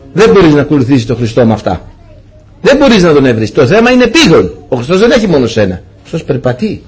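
A man delivers a fervent sermon with a husky, somewhat high voice. He swings from loud exclamations to hushed, quiet lines as he addresses his congregation. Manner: animated preaching, swinging between loud and hushed. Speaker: preacher.

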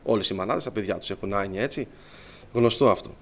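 A man telling his personal testimony to a congregation, lively and storytelling, acting out what others said. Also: on the low side. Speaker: church member giving testimony.

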